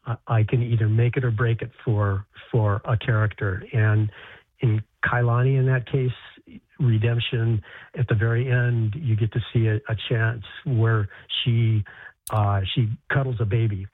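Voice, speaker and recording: An American man, an author guest, speaking in a halting way with many restarts and repeated words. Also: medium pitch, level tone, breathy edge, dry recording. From United States. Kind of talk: interview conversation. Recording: tinny phone line.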